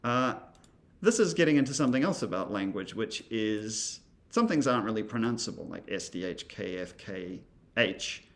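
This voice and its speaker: Male instructor, low and gravelly, casual demo talk full of fillers. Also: expressive, normal speed. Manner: thinking aloud, many fillers and asides. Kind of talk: casual walkthrough of software.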